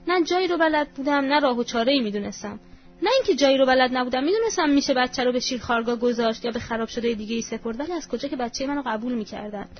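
A woman reading a short story aloud in the first person, in an intimate, confessional way, on a dull lo-fi radio recording. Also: fairly high pitch. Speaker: story reader.

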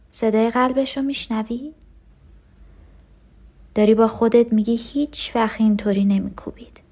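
A woman's voice: on the high side, a little mellow, close to an everyday voice. Woman playing a frightened unborn twin girl. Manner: urgent, breathless pleading with sudden cries. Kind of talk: radio drama acting.

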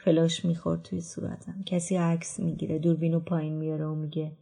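A woman reading a literary novel aloud in the first person, quiet and introspective, sometimes dropping to a whisper. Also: low voice, little pitch movement, creaky. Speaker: book reader.

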